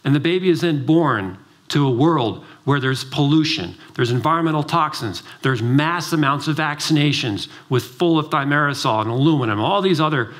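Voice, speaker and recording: At a moderate pace and with a somewhat high voice, a middle-aged physician presents at a conference summit. He's emphatic and driven, and his storytelling is lively, with dialogue acted out.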